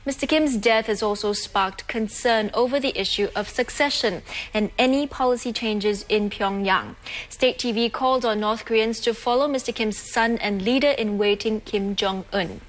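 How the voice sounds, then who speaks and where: A woman's voice: fairly high pitch, normal speed. A woman news anchor reading scripted television news.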